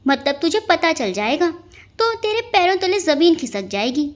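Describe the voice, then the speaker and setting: A woman's voice: very high voice, big pitch swings, moderate pace. A woman voicing a scheming, gossiping middle-aged neighbor who taunts and mocks in a storybook reading. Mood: taunting. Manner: taunting, mocking.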